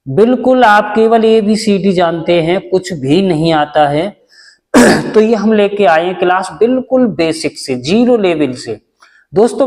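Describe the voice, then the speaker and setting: Slow, patient male teacher in a big hall. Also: high voice, a little mellow. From India. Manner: patient, repeats each step, asks and answers own questions. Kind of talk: classroom lesson.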